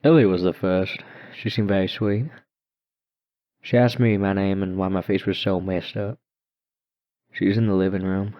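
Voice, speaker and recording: A man with a very low voice narrates a first-person horror story dramatically. The recording sounds dull, lacking its top end.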